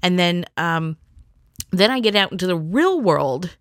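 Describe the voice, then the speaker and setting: A woman's voice: lowish voice, expressive, a little slow, no echo, studio quality. A middle-aged woman telling a rambling personal story in a chatty, casual way, acting out the people she quotes.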